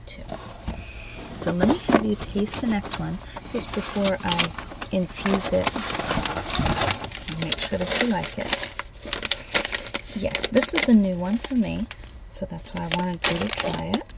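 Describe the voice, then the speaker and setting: A woman doing an ASMR whispered role-play in a soft, hushed voice, speaking gently and directly to the listener. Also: medium pitch, a little slow, gravelly, long pauses, very noisy. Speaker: ASMR host. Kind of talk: soft ASMR whispered role-play, tasting snacks and reading oracle cards.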